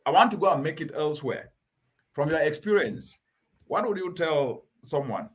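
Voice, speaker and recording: A man's voice: fairly high pitch, animated, moderate pace, breathy edge. A man hosting a talk show, introducing solutions and interviewing a guest in an earnest, emphatic way. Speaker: host.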